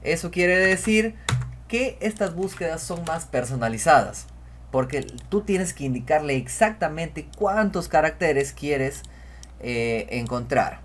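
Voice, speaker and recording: A man hosting a screen-recorded software tutorial, talking chattily as he clicks through, often repeating himself and saying "miren". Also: a little high, animated, measured pace, slight background noise. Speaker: spreadsheet tutorial host.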